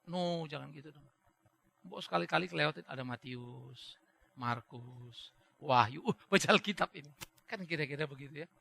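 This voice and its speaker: Gravelly, animated preaching man. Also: sits high, no echo. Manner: animated, acts out little dialogues; drops in English phrases. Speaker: pastor. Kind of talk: sermon.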